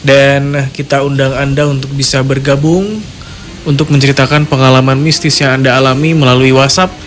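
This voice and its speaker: A man's voice: medium pitch, level tone, normal speed. A man hosting a live radio call-in show casually, chatting directly to his listeners. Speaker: radio host of a horror-story call-in show. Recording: music playing behind voice.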